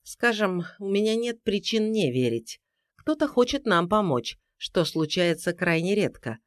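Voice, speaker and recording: A narrator voicing a steady senior investigator. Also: male voice, high voice, a little slow, no room sound, clean studio sound, full character voice. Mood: level. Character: composed senior male investigator in charge.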